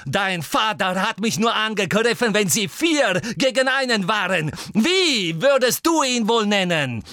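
Snape: a man voicing a sneering, shouting wizard. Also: high-pitched, sing-song, unhurried, no echo, voice pushed up, full character voice. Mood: taunting. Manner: scornful, mocking, shouted commands. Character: cold sneering male dark wizard teacher. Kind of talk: audiobook character voice.

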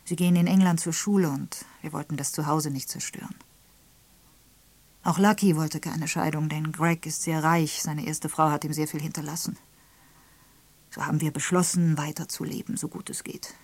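A woman reading an audiobook, voicing a bitter middle-aged wife who speaks with sharp, cutting emphasis. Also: lowish voice, steady tone, normal speed, slightly rough, no room sound.

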